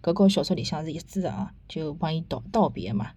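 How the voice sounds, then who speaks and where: Low-voiced Shanghainese woman, casually chatting. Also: fast talker, warm tone, breathy edge. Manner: conversational, opinionated, with rhetorical tag questions. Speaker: host of a book and theatre review podcast. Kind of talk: casual chat, reviewing and retelling.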